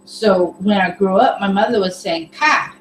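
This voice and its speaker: A woman's voice: medium pitch, normal speed, a little mellow, distant mic. A woman co-hosting a casual livestream, reading viewer comments aloud and laughing often. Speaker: livestream co-host reading chat. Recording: echoey room with faint hum.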